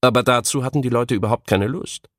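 A man narrating a children's audiobook in a lively, expressive way. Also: medium pitch, fast, no room sound, studio quality. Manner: lively, animated. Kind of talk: expressive storytelling.

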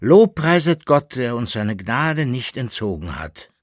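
A man reading an audiobook, voicing calm council elders who speak in a measured, reassuring way. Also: medium pitch, no echo, studio quality.

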